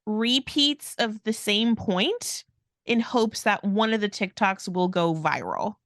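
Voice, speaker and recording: A woman co-hosting a podcast, telling events in a lively, casual way and imitating other people's voices. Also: medium pitch, slow, no echo, clean studio sound. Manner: animated storytelling, mimics others' voices. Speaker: podcast co-host.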